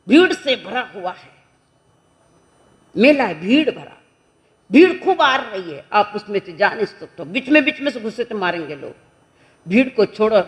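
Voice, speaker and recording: A woman, a Jain nun, preaching a sermon in an animated storytelling manner, acting out village characters in dialect. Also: mid-range voice.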